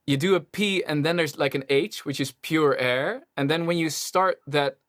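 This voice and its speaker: A man with a Dutch accent coaching a singer through a one-on-one singing lesson, relaxed and encouraging. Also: unhurried. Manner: relaxed, encouraging, demonstrates high sung lines. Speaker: vocal coach.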